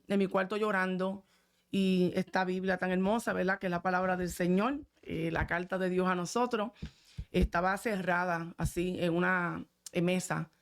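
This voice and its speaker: A woman's voice: medium pitch, clear, resonant tone. A woman pastor, sharing an earnest testimony in a casual conversation, with frequent asides to her listener. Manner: earnest, fervent, many filler asides. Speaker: pastor, guest.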